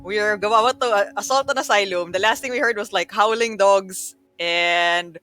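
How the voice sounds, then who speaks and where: A woman's voice: medium pitch, normal speed, fairly bright tone, soft background music. A woman player chatting casually and telling a story with frequent laughs. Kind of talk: casual chat.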